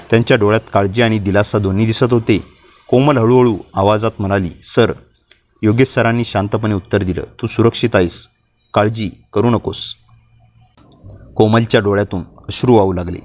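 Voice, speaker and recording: A man reading a dramatic story aloud as a steady storyteller. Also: fairly low pitch. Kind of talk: scripted story narration.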